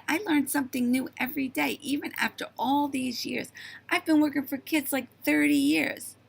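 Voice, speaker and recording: A woman in her fifties telling a story to the camera in a chatty, marvelling way, her voice starting to go hoarse. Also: high voice. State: voice going hoarse. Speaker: vlogger.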